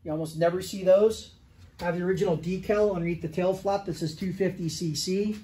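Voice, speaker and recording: A man's voice: high voice, fairly even intonation, a little fast, warm tone. A young man who runs a restoration shop, casually walking through a motorcycle's details in a matter-of-fact way, recorded on a handheld phone in an indoor workshop. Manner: plain, matter-of-fact listing of details with fillers. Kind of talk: casual product walkaround.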